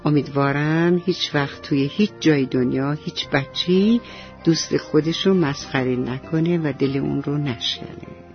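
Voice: medium pitch, highs cut off, soft background music. A storyteller telling a bedtime story to children in a tender, affectionate way.

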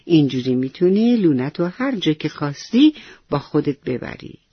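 Gentle kindly stag told by a storyteller. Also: medium pitch, big pitch swings, slightly rough, no echo, highs cut off. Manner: gentle, patient. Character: kind calm male deer with tall antlers.

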